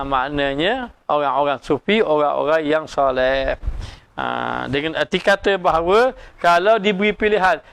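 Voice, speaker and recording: A Malaysian Malay man teaching religion, his slightly raised voice smooth and resonant. He talks through points with many "ha" fillers and asks rhetorical questions. The recording is close and dry. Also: a little high, fairly bright tone, no echo. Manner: acts out dialogue in raised voice. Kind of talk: religious lecture.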